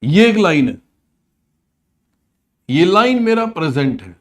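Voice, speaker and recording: Guy teaching an online class, pretty high voice, lively and pushy, tosses in english bits. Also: slow. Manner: energetic, coaxing, mixes in English phrases.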